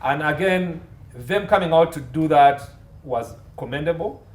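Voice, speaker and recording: A Ugandan consultant in entertainment and media law is interviewed, making emphatic points organized into lists. His voice is on the high side and measured in pace, and the recording has roomy echo with faint noise behind it.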